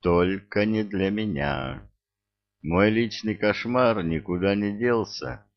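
Audiobook: male narrator as a scared young woman, pleading, voice lifted high, lo-fi. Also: slow, vocal fry. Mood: fearful pleading. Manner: pleading, fearful.

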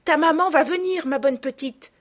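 A woman reading a storybook, voicing an eager, brave young girl with a high, urgent manner. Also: moderate pace, natural voice. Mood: overjoyed.

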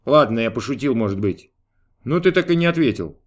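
A man doing a cranky, imperious old God who snaps and grumbles at his servant, his pitch jumping high and loud. The lines come slowly and roll, with a touch of distance from the mic, as in a storybook reading. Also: animated, natural voice. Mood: grumpy. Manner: snapping, grumbling, mocking. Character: grumpy capricious male God, old and imperious. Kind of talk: audiobook character voice.

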